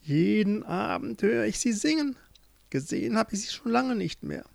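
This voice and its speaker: A man's voice: high voice, lively intonation, normal speed, creaky, no echo, voice pushed up, exaggerated voice. A man voicing a gleeful, spiteful old witch in a spoken fairy tale, mocking and gloating. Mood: scornful.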